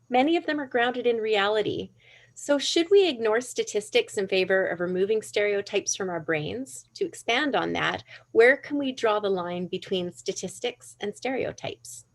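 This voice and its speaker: A woman moderating a book event, politely thanking the author and reading out audience questions. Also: fairly high pitch. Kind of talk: hosting a Q&A.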